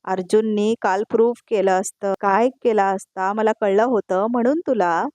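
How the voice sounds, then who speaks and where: A woman's voice: medium pitch, steady tone, moderate pace, darkish tone, dry recording, close to an everyday voice. A stern, experienced female defense lawyer tells someone off with open reproach, voiced by a woman narrating an episode recap. The sound is close and dry, with no room around it. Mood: scolding. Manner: scolding, reproachful.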